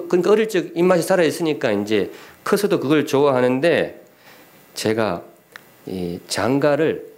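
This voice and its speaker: Lively middle-aged pastor preaching. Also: male voice, medium pitch. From Gyeongsan, North Gyeongsang, Korea. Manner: lively preaching with questions and humor to the congregation. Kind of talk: sermon. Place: church sanctuary.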